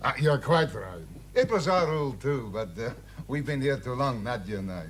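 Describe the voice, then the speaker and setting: A man's voice: mid-range voice, sing-song, moderate pace, lightly acted. An actor playing a weary, affectionate, homesick ageing spy and father in a television drama. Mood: wistful. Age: older. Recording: vintage TV soundtrack, clear background noise.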